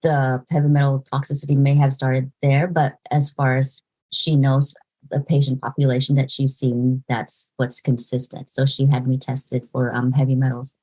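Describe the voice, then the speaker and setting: A woman in her forties from the Philippines, a podcast guest speaking in an earnest, halting way with fillers and restarts. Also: very deep voice, level tone, warm tone. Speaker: podcast guest, nurse practitioner. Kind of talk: casual interview conversation.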